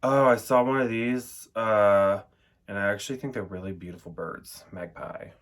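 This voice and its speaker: A young man with a lowish voice speaks at normal speed, casually chatting about an oracle deck he's reviewing for his vlog. His talk wanders and leans heavily on "like," "um," and other fillers.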